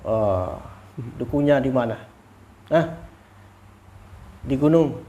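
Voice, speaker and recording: A man, working as a spiritual healer in an exorcism session, giving commands and repeating sharp questions. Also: mid-range voice, lively intonation, slow pace, dull audio.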